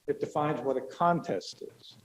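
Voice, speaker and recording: A man speaking as a lawyer making formal oral argument, in a halting, deferential way. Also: fairly high pitch. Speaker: lawyer arguing before court. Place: indoor courtroom. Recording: echoey courtroom, faint background noise.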